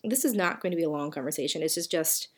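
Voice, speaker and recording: Low-voiced Southern woman hosting a podcast. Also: expressive, fast talker, husky. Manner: chatty and reflective, with many fillers and self-corrections. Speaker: podcast host. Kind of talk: solo podcast talk.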